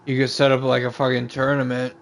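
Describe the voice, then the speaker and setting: A man's voice: medium pitch, completely flat delivery, fast talker, gravelly, a little hiss or hum. A man chatting casually with a friend, swearing easily and drawling his words. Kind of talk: casual chat.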